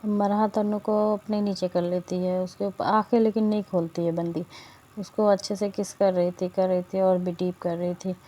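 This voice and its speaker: A woman's voice: mid-range voice, flat delivery, moderate pace, mellow. A woman narrating a romance story in a casual, conversational way with chatty asides.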